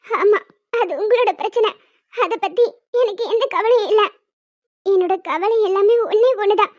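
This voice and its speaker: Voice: very high voice, dry recording. A performer voicing a hurt, angry young pregnant wife in a homemade cartoon, talking bitterly and reproachfully. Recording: dry, dull lo-fi sound.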